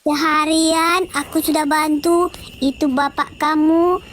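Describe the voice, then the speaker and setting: Man puts on a fretful young mother: high, slow, pleading, with steady noise behind. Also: a faint crowd, exaggerated voice. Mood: weary. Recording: noisy background.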